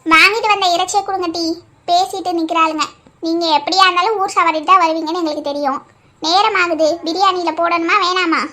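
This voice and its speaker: Woman doing squeaky sharp-tongued cartoon ladies, talk, super high and bright. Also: steady tone, fast talker. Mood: bossy. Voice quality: shrill, scolding. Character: bickering Tamil village women, high and shrill. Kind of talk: cartoon voice acting.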